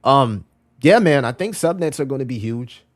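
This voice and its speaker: A male streamer chats casually to his viewers at a mid-range pitch. His talk is loose and slangy, full of repeats and "bro". He reacts to chat messages as they come in. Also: expressive, normal speed. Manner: loose, slangy and repetitive, often calling out "bro"; talks back to chat messages as he reads them. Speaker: crypto livestream host.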